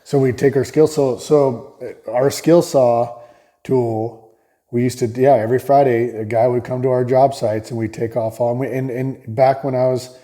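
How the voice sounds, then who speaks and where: A man's voice: mid-range voice, flat delivery, moderate pace, warm tone. A man hosting a casual interview as a builder, rambling with restarts and tag questions. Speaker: host, builder.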